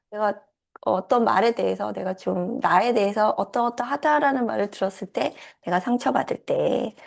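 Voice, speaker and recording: A woman coach giving a gentle, reassuring talk in a casual style. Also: mid-range voice, vocal fry.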